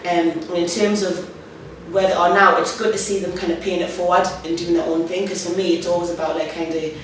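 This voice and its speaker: Woman youth worker, reflective and hesitant, lowish voice, very echoey room with a distant mic. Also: little pitch movement, a little fast. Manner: reflective, thoughtful, with frequent ums. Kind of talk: documentary interview. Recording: very echoey room, far mic, noisy background.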